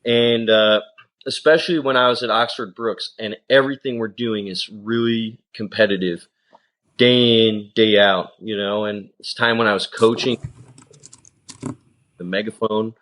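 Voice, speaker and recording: This rowing guest, an American coxswain and coach, responds to interview questions in a relaxed, thoughtful way with plenty of "you know" and "um." His lowish voice is a bit bright, a little slow, and fairly even in intonation.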